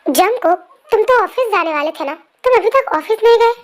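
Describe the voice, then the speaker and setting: A woman voicing a patient, gentle pregnant wife in a fan story narration, speaking soothingly. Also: extremely high pitch, expressive, fairly quick, slight background noise. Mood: gently chiding. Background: faint music.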